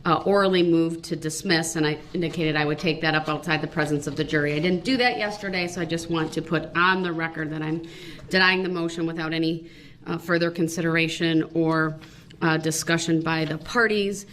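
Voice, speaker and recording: A woman judge giving firm, measured instructions and rulings, heard in a courtroom recording played back. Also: low voice, steady tone, fairly bright tone. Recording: echoey, distant, noisy courtroom recording.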